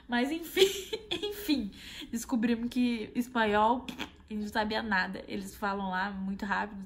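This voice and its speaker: A young Brazilian woman casually telling a travel anecdote, animated and often addressing her viewers directly. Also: medium pitch. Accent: Brazilian Portuguese. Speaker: travel vlogger. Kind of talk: casual storytelling.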